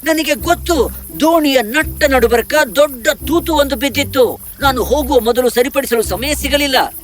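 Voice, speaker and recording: A man's voice: very high-pitched, normal speed, soft background music, voice pushed up. A man voicing an anxious, fussy male boatman servant in a cartoon story, speaking urgently and pleadingly. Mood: puzzled.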